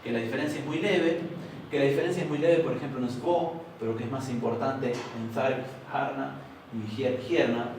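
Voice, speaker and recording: A man's voice: medium pitch, moderate pace, a little mellow, far from the mic, slight background noise. A young man with an Argentine accent teaching an informal university class, explaining patiently and often checking with students. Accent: Argentine Spanish. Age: young adult. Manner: explanatory, asks the class for agreement. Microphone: far room microphone. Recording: very echoey room recorded from afar.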